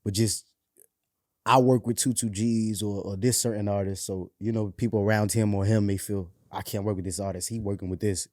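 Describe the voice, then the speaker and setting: A man's voice: on the low side, fairly even intonation, a little fast, darkish tone, no echo, clean studio sound. A nineteen-year-old man, a rapper guest talking casually in a laid-back way with street slang and repeated phrases. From New York. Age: young adult. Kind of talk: casual interview talk.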